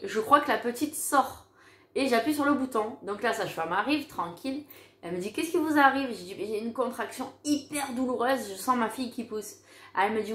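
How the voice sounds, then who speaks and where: A woman telling a personal story in a casual, animated way, acting out the dialogue she recounts. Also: medium pitch. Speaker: mother telling her birth story. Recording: roomy echo.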